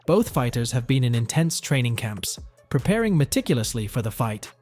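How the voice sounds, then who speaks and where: A man's voice: medium pitch, very animated, fairly quick, a little mellow. Scripted male news narrator over music.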